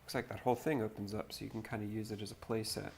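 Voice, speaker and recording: A man's voice: fairly low pitch, fairly even intonation, fast, creaky, a little mellow. A man from North Carolina hosting a livestream, chatting casually and rambling in a laid-back way as he builds. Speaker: livestream host. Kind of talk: casual chat while building.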